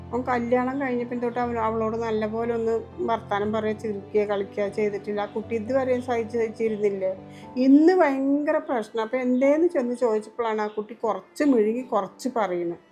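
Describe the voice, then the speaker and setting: A woman's voice: a little high, a little mellow, lightly acted. A woman playing a stern mother in a family short film, emphatic and reproachful. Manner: scolding, emphatic, lamenting. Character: stern mother, fiercely protective of her daughter-in-law. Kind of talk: home-made family drama acting.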